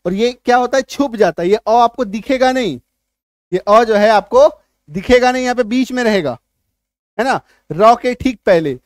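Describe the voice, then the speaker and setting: A man's voice: very high voice, moderate pace, no echo. A man teaching an English spelling and pronunciation lesson, repeating key words and quizzing the viewer.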